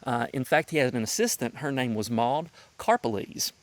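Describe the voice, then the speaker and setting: A man's voice: medium pitch, normal speed, a little hiss or hum. A man from the North Carolina mountains with a Southern Appalachian accent, giving a prepared introduction in a folksy storytelling way with emphatic phrasing. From Madison County, North Carolina mountains, United States.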